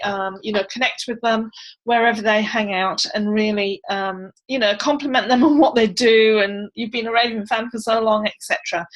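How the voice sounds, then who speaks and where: A chatty woman with a fairly high voice teaches authors over a video call. She talks loosely with plenty of fillers and laughs now and then. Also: poor audio. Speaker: book launch coach. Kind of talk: online webinar teaching.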